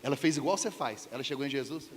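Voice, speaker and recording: In a church hall, a man with a medium-pitched voice preaches a humorous sermon at a quick pace, playfully joking and putting questions to the congregation. The recording carries church hall reverb and faint background noise.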